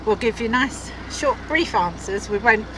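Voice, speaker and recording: A woman's voice: a little high, lively intonation, a little slow. A middle-aged woman from Essex with an Essex accent, chatting and laughing easily as she reads out viewer questions. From Essex, England. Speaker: vlog co-host. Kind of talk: casual chat. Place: outdoors on a moving narrowboat. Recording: outdoor noise from boat and traffic.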